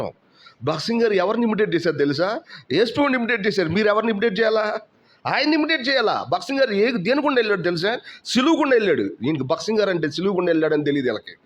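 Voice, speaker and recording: A man preaching quickly in a slightly raised voice, firing off rhetorical questions and slipping English words into his talk. The recording sounds dull and lo-fi, with muffled highs. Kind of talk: sermon.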